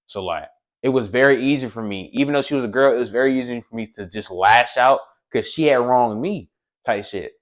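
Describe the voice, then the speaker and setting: A young man telling a storytime vlog in casual, profane slang, rambling with lots of filler. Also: mid-range voice. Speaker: vlogger.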